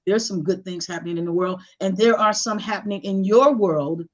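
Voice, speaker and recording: A woman's voice: mid-range voice, brisk. A woman author as a guest in a casual interview, telling stories in a chatty, conversational way. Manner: chatty, conversational, animated storyteller.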